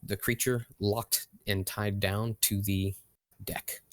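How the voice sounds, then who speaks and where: Low-voiced man running a tabletop game. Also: level tone, fairly bright tone, no room sound. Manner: casual, halting delivery. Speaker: game master. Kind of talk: narrating a tabletop role-playing game.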